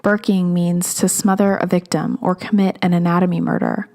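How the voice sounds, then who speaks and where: A woman podcast host narrating a true-crime story in a measured, steady way. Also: lowish voice.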